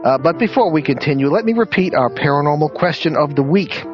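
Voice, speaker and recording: A man's voice: a little high, lively intonation, brisk. Guy co-hosting a radio show, music behind him, bit muffled lo-fi audio. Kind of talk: radio talk hosting and sponsor reads.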